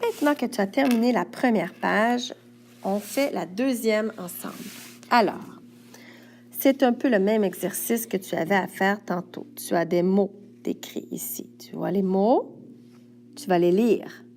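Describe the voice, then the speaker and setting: A woman's voice: mid-range voice, unhurried, a little mellow, slight background noise. A woman teacher with a Quebec French accent, patiently giving a young pupil step-by-step instructions for a worksheet. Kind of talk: recorded classroom instructions.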